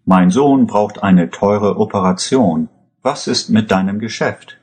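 A man's voice: lowish voice, unhurried, darkish tone, natural voice. A man voicing a worried middle-aged pharmacist, an anxious father asking earnest questions.

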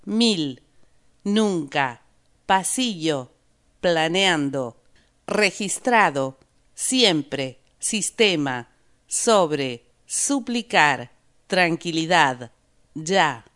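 Woman teacher reading words and a story, super slow and clear, lowish voice. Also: big pitch swings, a bit bright. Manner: clear, deliberate word-by-word reading. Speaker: language teacher. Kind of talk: slow scripted narration for learners.

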